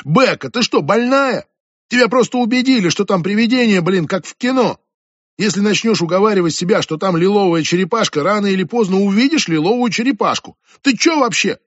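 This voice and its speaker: A man's voice: animated, a little fast, no echo, muffled recording. A man reading an audiobook, voicing an angry teenage girl who swears and snaps at her friends. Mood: furious, exasperated. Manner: shrill, swearing, exasperated.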